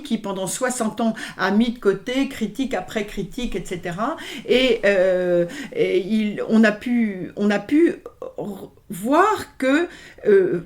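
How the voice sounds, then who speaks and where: A woman violinist answering interview questions, speaking with many hesitations, fillers and restarts. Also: medium pitch. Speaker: violinist guest. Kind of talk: conversational interview.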